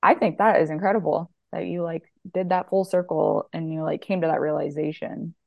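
Lady nutrition coach guest, kinda low gravelly voice, laid back chatty, dry close sound. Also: a little fast, dry recording, lo-fi sound. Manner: relaxed, chatty, filler-heavy. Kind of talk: casual interview chat.

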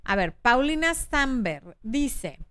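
A woman's voice: fairly high pitch, sing-song, slow pace, a bit bright, no room sound. Frank Mexican woman giving love advice. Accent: Mexican Spanish. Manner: frank, chatty, acts out quoted voices. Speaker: relationship advice host. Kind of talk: casual advice talk reading viewer comments.

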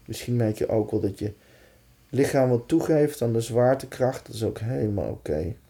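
A man guiding a breathing and body-awareness exercise in a calm, reassuring way, leaving pauses between short instructions. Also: medium pitch, creaky. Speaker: relaxation and breathwork guide.

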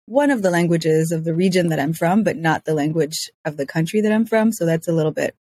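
Chatty woman guest, husky voice. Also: sits low, fairly quick, warm tone, no echo, studio quality. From Switzerland. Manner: chatty, many fillers like "like" and "um", restarts. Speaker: podcast guest. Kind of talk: casual interview talk.

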